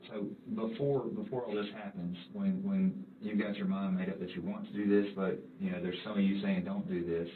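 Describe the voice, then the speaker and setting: A man's voice: low-pitched, fairly even intonation, a little fast, hardly any pauses, a little hiss or hum. A man questioning someone in a police interview as an investigator, informal and probing. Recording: echoey, tinny, distant interview room recording.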